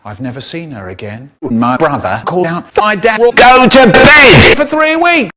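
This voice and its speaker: A man's voice: expressive, moderate pace. A man telling a story, his speech spliced together from separate clips with jarring jumps between words. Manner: jumpy, jarring shifts in pitch and loudness between words. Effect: spliced together word by word from clips.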